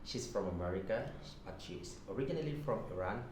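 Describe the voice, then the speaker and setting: A Sudanese man in his thirties, a native Arabic speaker with a Sudanese Arabic accent, hosts an informal podcast interview. His lowish voice is expressive and a little fast. The recording has an echoey room, a distant mic, and background noise.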